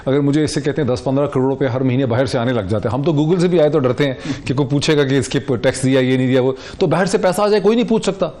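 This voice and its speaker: A man's voice: mid-range voice, hardly any pauses, darkish tone. A man hosting a political TV talk show, interjecting and asking probing questions.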